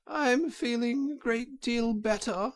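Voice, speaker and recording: A man's voice: very high voice, slow, voice pushed up, full character voice. A man voicing a boastful, self-pitying male toad in a storybook reading, with wailing, theatrical complaints. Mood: feeble wheedling.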